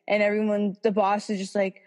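A woman's voice: medium pitch, fairly quick, long reverb tail. A woman co-hosting a podcast, chatting casually and swearing freely as she retells scenes. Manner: swears freely, animated retelling with quoted voices. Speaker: podcast co-host. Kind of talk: casual chat.

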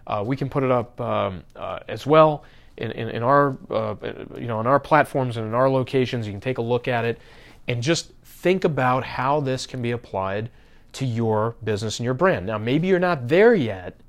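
A man's voice: medium pitch, moderate pace. A man hosting a podcast, talking casually about marketing to his listeners, with many fillers and restarts. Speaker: podcast host.

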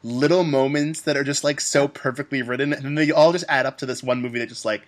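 A man's voice: mid-range voice, fairly even intonation, fast. A man in casual podcast chat, enthusiastic and gushing about a movie, laughing easily. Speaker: podcast co-host.

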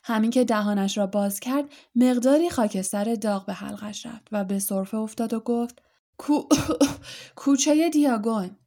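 A woman narrating an audiobook in a calm, even reading voice. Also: medium pitch, gravelly, hardly any pauses. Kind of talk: storybook narration.

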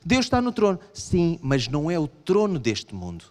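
Speaking at a moderate pace with a European Portuguese accent, a male preacher gives a sermon in a voice that sits a little high for a man. He is animated, acting out imagined objections from the pews in a raised pitch, so his pitch swings widely. A long reverb from the large church hall carries the sound.

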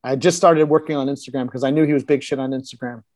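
This actor, a podcast guest, has a mid-range, somewhat dark voice with fairly even intonation, and he talks quickly on a dry recording. He spins a vivid behind-the-scenes anecdote, casual and blunt with the occasional curse. Whenever he quotes someone, he performs the lines in changing voices.

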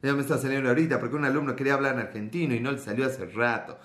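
A man's voice: mid-range voice, fairly even intonation, rapid-fire, fairly bright tone. Joking Mexican man with a slangy chat voice. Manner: slangy, joking, swearing, mock accents. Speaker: streamer. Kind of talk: casual live-stream chat. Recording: echoey room.

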